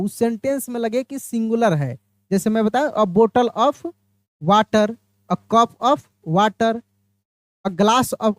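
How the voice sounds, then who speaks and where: A woman's voice: on the high side, darkish tone, no room sound. Woman teaching grammar with dry sound. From India. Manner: explains step by step, keeps asking "my friend" and answering herself; drawls English example phrases out slowly. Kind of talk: exam-prep grammar lesson.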